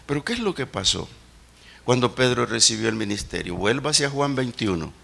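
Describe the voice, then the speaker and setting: A man preaching a sermon as pastor in a church, swinging between loud outbursts and low murmurs. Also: big pitch swings, fairly quick, creaky.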